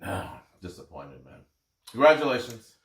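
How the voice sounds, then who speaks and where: A man's voice: fairly low pitch, very animated, moderate pace. A man in casual sports banter, rambling and swearing in a self-deprecating way. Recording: echoey room, distant from mic.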